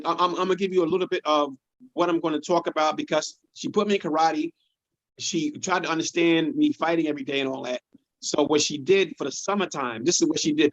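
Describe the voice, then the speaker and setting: A man who is a comedian, chatting casually on a podcast and telling animated stories, often repeating words as he goes. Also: fairly high pitch. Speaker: comedian guest. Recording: dull lo-fi sound.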